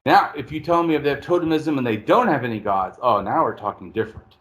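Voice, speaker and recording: A man hosting a casual conversation, explaining at length in a rambling, animated way and swearing freely. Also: mid-range voice, fast talker. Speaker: podcast host.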